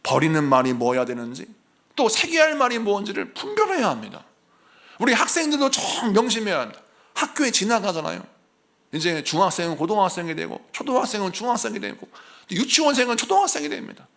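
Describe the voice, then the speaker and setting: A male senior pastor giving a Sunday morning sermon in a church, animated and acting out the voices he quotes. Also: sits high, fast talker, vocal fry. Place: church sanctuary.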